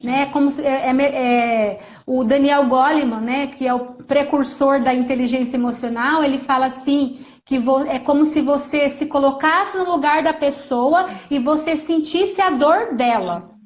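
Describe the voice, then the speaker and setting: A woman with a high voice speaks earnestly in a relaxed conversation. Now and then she slips into the gentle tone of a mother comforting her child. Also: a little slow, hardly any pauses. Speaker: guest speaker on parenting. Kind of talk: casual conversation.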